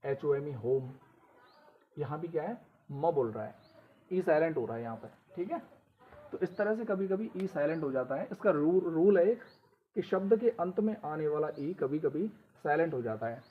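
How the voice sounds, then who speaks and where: A man teaching a lesson, explaining slowly and repeating rules with question prompts. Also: on the high side, animated. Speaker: English teacher. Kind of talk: classroom-style lesson. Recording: tinny phone-like audio with faint noise.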